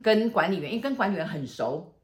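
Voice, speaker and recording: Fortune teller type: lower-voiced woman, Taiwanese Mandarin accent, exclamatory ghost-story chat, roomy echo. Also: lively intonation, quick pace, crowd noise. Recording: echoey room.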